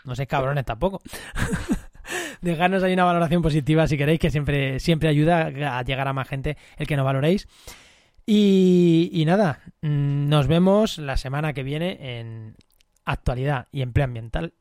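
A man from co-hosting a casual podcast, chatty, repeating words and filling pauses with "eh". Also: fairly high pitch, darkish tone, no room sound, studio quality. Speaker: podcast co-host.

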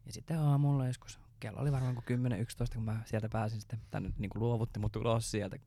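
A man's voice: mid-range voice, steady tone, dark tone, no room sound. A man co-hosting a podcast, telling a story in a rambling, casual way with lots of fillers and swearing. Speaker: podcast co-host.

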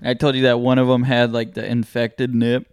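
A man with a clear, resonant voice tells stories in casual podcast chat. He is joking and slangy, and the sound is very dry with no room on it. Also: medium pitch, monotone, normal speed, darkish tone, no room sound. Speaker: podcast co-host.

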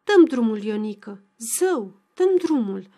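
A woman reads a bashful young village girl in a storybook, murmuring softly and a little breathlessly, flustered and coy. Her voice sits rather high and light. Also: big pitch swings.

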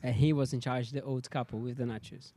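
A man's voice: mid-range voice, steady tone, fast, mellow. A man from Brazil whose first language is Portuguese, speaking English with a Brazilian accent in casual podcast chat, with slightly broken grammar. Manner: slightly broken English, laughs while telling.

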